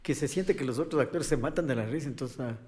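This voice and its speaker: A man, a comic actor telling a story in an interview, acting out voices with sudden high shouts and laughs. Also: fast talker. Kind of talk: casual interview, animated storytelling.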